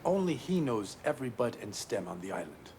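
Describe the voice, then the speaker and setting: A man's voice: medium pitch, very animated, brisk, vocal fry, darkish tone, slight background noise. A man playing an earnest, conciliatory male lab leader in a mystery video game. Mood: explaining. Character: ailing, earnest man who leads a laboratory.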